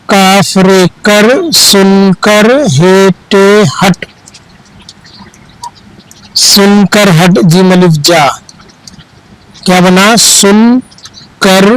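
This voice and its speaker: A man teaching Urdu reading, slowly naming each letter and then repeating the word part by part. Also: high voice, clean tone, rough recording. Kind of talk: spelling out Urdu letters and words.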